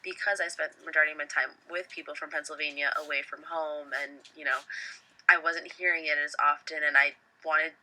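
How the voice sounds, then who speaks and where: A young woman with a Long Island accent speaks in a low-pitched but very bright, forceful voice. She talks informally and earnestly about her own experience, pausing often as she finds her words. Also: fairly even intonation, low-quality recording. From Long Island, New York, United States. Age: young adult. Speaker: college student. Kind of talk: reflective personal monologue.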